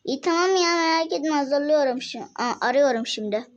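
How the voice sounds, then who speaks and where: A man's voice: very high voice, brisk, muffled recording. A girl doing an easygoing young dad. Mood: relaxed. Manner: laid-back, agreeable. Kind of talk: doll-game role-play.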